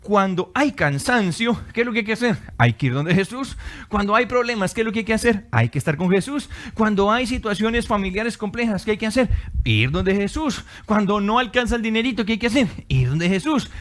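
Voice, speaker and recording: Male preacher, high-pitched, emphatic sermon delivery with lots of rhetorical questions. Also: animated, a little fast, a bit bright. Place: his office.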